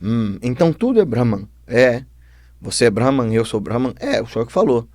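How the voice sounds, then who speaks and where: A man playing a calm, patient spiritual master. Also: mid-range voice, moderate pace, no room sound, clean studio sound, close to an everyday voice. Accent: Brazilian.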